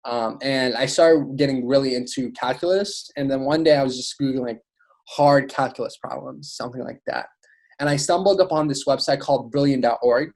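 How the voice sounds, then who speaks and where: At normal speed and medium pitch, a young man with a slightly mellow voice chats casually as a podcast guest. Born in Iraq and working as a student author and educator, he talks enthusiastically and informally, full of "like" and "you know".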